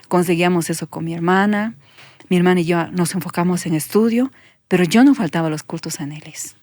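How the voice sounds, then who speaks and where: A woman pastor, giving an earnest testimony that sinks into soft whispers when she recalls her prayers. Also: on the low side, fairly quick, no echo, studio quality. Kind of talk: emotional testimony in conversation.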